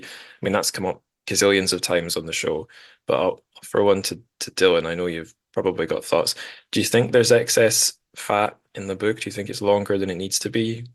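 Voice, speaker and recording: In a dry recording, a low-voiced man hosts a podcast and talks casually about books. His literary chat rambles and he often corrects himself.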